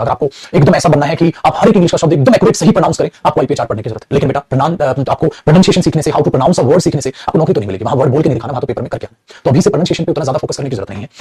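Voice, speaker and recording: A man's voice: a little high, darkish tone, breathy edge, dry recording. A man teaching an English grammar lesson in Hindi, calling his students beta and repeating his points with emphasis, with a Hindi accent on English words.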